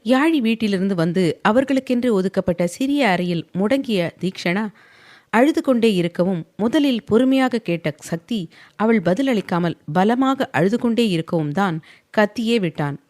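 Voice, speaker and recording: A woman narrating a serialized romance novel in a steady storytelling voice. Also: medium pitch, normal speed. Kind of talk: scripted audiobook narration.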